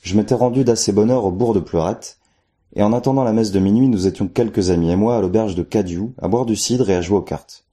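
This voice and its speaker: Low, dark-voiced male storyteller. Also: a little fast. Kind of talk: first-person folk tale narration.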